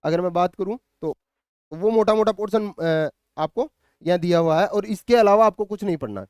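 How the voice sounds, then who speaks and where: High, smooth-voiced male coaching teacher. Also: moderate pace, darkish tone, dry recording, clean studio sound. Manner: explains patiently, often checks in with "ठीक है ना"; thinks aloud with hesitant fillers and restarts. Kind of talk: syllabus walkthrough lecture.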